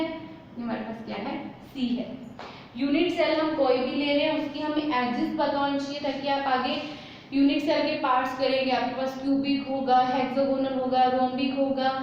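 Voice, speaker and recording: High-voiced woman teaching in an echoey room. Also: a little hiss or hum. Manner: asks rhetorical questions and answers them herself, repetitive; mixes English terms into Hindi explanation. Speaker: chemistry teacher. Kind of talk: whiteboard lesson. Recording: echoey room, slightly dull.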